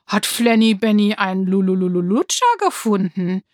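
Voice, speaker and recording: A mean schoolboy bully from a children's storybook, grinning and taunting the smaller kids, as a woman reading aloud puts him on. His mocking voice comes loud and a bit slowed, dry and close. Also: medium pitch, sing-song, dry recording, close to an everyday voice. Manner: taunting, sneering.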